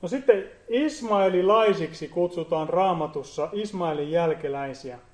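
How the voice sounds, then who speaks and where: A man giving an earnest Bible teaching, often pausing and repeating words as he explains. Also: high-pitched, darkish tone, roomy sound. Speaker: preacher.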